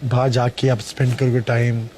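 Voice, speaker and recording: A man's voice: medium pitch, little pitch movement, moderate pace, crowd noise. A young man chatting casually, earnestly giving advice on love and mixing in English phrases. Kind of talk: casual chat.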